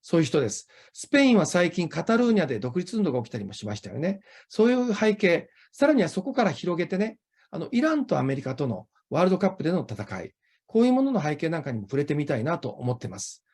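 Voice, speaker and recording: This is a native Japanese interview host with a Japanese accent. The delivery is conversational and highly animated in intonation, moving freely around a mid-range pitch. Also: very fast, slightly rough.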